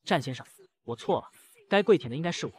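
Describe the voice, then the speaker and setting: A man's voice: on the high side, expressive, quick pace. A man voicing a cowering male gang boss who stammers and begs for mercy in a comic retelling. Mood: pleading. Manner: pleading, stammering.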